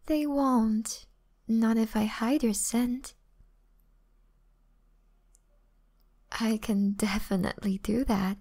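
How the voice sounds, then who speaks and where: A woman acts out a female vampire in an ASMR role-play, flirtatious and gentle yet predatory. Her voice is fairly high, soft and mellow. She takes her time, teasing and quietly boasting. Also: steady tone. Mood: teasing, admiring. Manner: teasing, softly boastful, unhurried.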